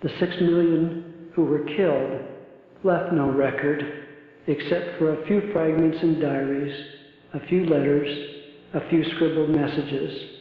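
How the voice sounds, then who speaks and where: A middle-aged man giving a formal, measured introduction at a podium in a large auditorium. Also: fairly high pitch, steady tone. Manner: measured, self-deprecating asides. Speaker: event host introducing speaker. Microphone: podium mic, far camera. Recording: echoey hall, lo-fi camcorder sound.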